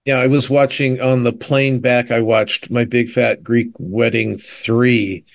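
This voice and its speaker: Male co-host, mid-pitch, chatty and rambling, casual TV recap talk. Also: measured pace, creaky. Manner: rambling, lots of fillers, animated retelling. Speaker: podcast co-host. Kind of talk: casual chat about TV shows.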